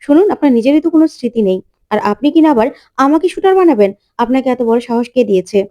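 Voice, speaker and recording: A woman's voice: fairly high pitch, quick pace, lightly acted. A woman voicing a furious, defiant teenage girl, reading her lines sharply and indignantly in a serial retelling. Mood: angry, shouting. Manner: sharp, indignant, rising to shouts.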